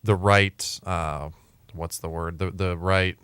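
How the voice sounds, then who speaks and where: A man's voice: deep voice, steady tone, slow, fairly bright tone, clear, resonant tone, no room sound. A man co-hosting a sports show, casually discussing news and questioning a guest.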